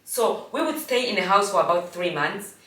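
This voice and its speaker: A Namibian woman in her forties, telling a personal story in a halting, reflective way with frequent restarts. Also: medium pitch, expressive, pushed and bright. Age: 40s. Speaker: host. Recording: echoey room, distant from mic.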